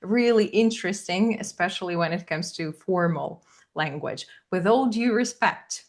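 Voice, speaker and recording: A woman's voice: on the low side, moderate pace. A woman hosting an English-learning interview, who repeats new words back and asks about stress. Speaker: English teacher host.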